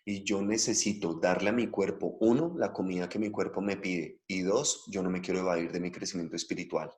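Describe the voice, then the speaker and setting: A middle-aged man from Latin America delivers a spiritual talk in a lower-pitched voice. He is emphatic and repeats key phrases to drive them home. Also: fairly even intonation, brisk, darkish tone. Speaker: spiritual teacher. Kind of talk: lecture-style spiritual talk.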